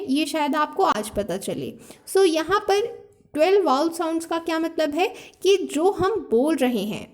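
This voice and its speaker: A high-pitched young woman gives a classroom lesson. She explains step by step, mixing two languages, and keeps returning to her main points. She slows down to spell out each example word. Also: a little mellow. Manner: Hindi-English mixed explanation, repeats points, reads out example words slowly. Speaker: teacher.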